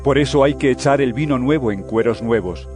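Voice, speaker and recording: Jesus as a steady, earnest teacher, voiced by a man in a dramatized audio Bible, his measured words laid over a clear music bed. His pitch sits in an ordinary middle range. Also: natural voice. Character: calm authoritative male teacher Jesus. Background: background music.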